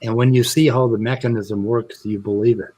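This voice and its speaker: A man's voice: mid-range voice, fairly even intonation, fairly quick, dark tone, no room sound, poor audio. A man in a casual video-call debate who argues earnestly and explains his point with long examples. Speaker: critic in a debate on creation and science.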